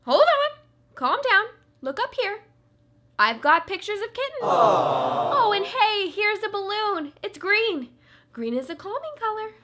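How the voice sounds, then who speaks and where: A woman's voice: sits high, lively intonation, unhurried, pushed and bright, full character voice. A woman playing a self-righteous daytime TV judge in a comedy radio sketch, stern and scolding. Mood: soothing. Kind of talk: comic radio sketch acting.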